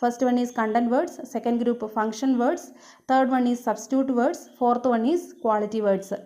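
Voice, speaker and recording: A woman's voice: a little high, quick pace, mellow. A woman teacher giving an exam-prep lecture, explaining step by step and mixing English terms into her speech.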